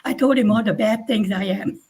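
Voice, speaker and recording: A woman's voice: fairly high pitch, moderate pace, darkish tone, breathy edge. An older woman hosting a casual live chat, talking bluntly, laughing often and acting out quoted lines. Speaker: channel host.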